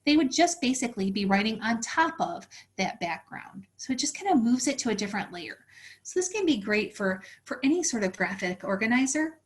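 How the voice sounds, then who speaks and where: A woman leads a teacher training webinar, explaining each step in a friendly, practical way. Her voice sits a little high, and she links her points with many "so"s. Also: sing-song, a little fast. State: slightly out of breath. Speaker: teacher trainer presenting a workshop. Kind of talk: instructional webinar walkthrough.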